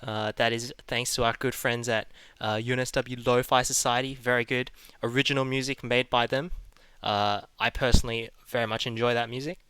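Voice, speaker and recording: A man's voice: medium pitch, steady tone, brisk, a bit bright, clean tone. A young man speaking as an esports caster, hyping up a match for stream viewers with casual, unscripted patter.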